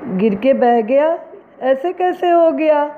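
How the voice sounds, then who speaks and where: A woman's voice: sits high, expressive, takes it slowly, slight background noise. A woman voicing a greedy, demanding young daughter-in-law in a told folk tale, with raised, insistent calling. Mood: eager. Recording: tinny phone-like recording.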